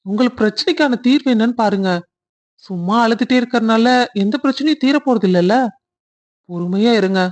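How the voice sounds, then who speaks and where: A woman voicing a kind young man in a cartoon love story who speaks earnestly and reassures gently. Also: fairly high pitch, brisk, close to an everyday voice.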